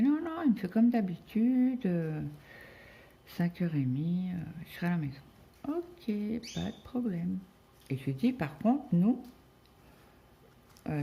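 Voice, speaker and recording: A middle-aged woman from France talks casually as she stitches, her voice dark and mellow. She rambles through a story with many fillers and quoted back-and-forth. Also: lowish voice, creaky. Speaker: crafting vlogger. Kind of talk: casual chat while cross-stitching.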